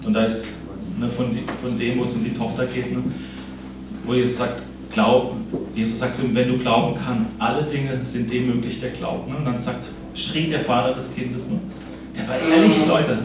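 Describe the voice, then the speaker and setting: A man preaching a casual sermon, his voice set back from the microphone and ringing around a very echoey hall. He talks to the congregation informally, checking in with them constantly. Room noise sits clearly underneath him. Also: mid-range voice, steady tone, normal speed. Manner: conversational, keeps adding "ne?". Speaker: pastor. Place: church hall. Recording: echoey hall, far from the mic.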